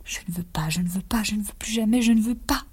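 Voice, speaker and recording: A woman's voice: fairly high pitch, animated, a little slow, breathy edge, voice pushed up. A woman voicing a frightened, desperate young wife in a radio story reading, pleading and insistent.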